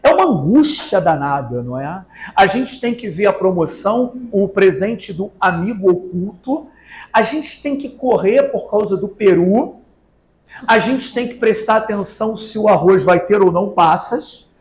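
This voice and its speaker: In the echoey meeting hall of a spiritist center, a spiritist lecturer with a Brazilian Portuguese accent addresses an audience. His voice is high and animated, a little slow, and he poses rhetorical questions while drawing out words for emphasis.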